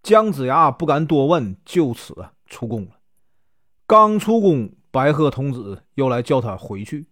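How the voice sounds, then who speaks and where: Lively Northeastern Mandarin male storyteller. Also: medium pitch, dry recording, clean studio sound. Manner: lively, with drawn-out filler particles. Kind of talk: storytelling narration.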